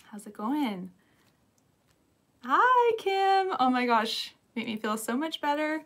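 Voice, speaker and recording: A woman's voice: high-pitched, animated, slow, fairly bright tone. A young woman hosting a live Q&A from home on her phone, nervous and giggly as she greets viewers by name. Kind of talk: casual live-stream chat.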